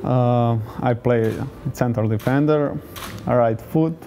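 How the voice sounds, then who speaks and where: A man in his twenties with a Serbian accent, a football player answering interview questions in short, halting phrases. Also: medium pitch, dark tone, slight background noise. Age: 20s. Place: hotel lobby, indoors. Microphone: lapel.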